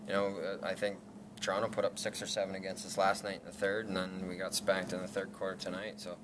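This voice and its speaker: Speaking low-pitched and monotone, a young lacrosse player in his twenties handles a post-game media scrum in an indoor press backdrop room. He keeps restarting, leans on fillers, and laughs self-consciously, with noisy ambience all around.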